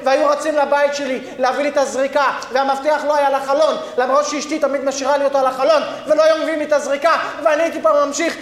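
High-pitched guy doing a comedy bit, paranoid rants getting louder and louder. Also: little pitch movement, few pauses, echoey room. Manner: paranoid, escalating, shouting rants. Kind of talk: live comedy sketch.

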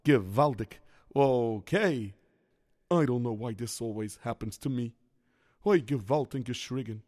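A man's voice: mid-range voice, unhurried, darkish tone, no room sound, clean studio sound, lightly acted. A man playing a bumbling handyman who talks himself through every mishap, with Yiddish exclamations scattered through his muttering. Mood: flustered. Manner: rambling self-talk, sprinkled with Yiddish exclamations. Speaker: lunch driver. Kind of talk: children's comedy sketch.

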